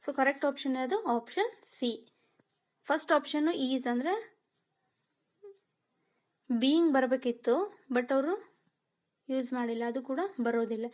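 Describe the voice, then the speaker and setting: Woman, exam-prep grammar teacher; slow, high voice, reads example sentences deliberately. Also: a little mellow. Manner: explains step by step and asks rhetorical questions; mixes Kannada with English terms.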